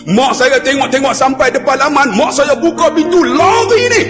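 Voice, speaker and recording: High-voiced preacher. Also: male voice, lively intonation, moderate pace, in a large hall. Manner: dramatic storytelling, acting out voices. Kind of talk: storytelling sermon. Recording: loud music under the voice.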